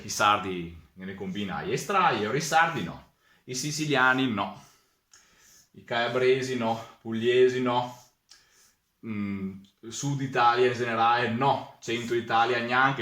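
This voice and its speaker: A man with a Venetian accent teaches diction in a loose, lively way. His pitch swings a lot, and his bright, forceful tone comes with a roomy echo. He keeps exclaiming and dropping dialect words into his lesson. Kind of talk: informal spoken lesson.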